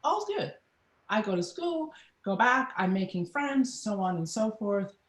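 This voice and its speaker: Trinidadian woman, middle-aged, guest recounting her past with animated voices, echoey room. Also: mid-range voice, unhurried. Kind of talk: personal storytelling in an interview. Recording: roomy echo.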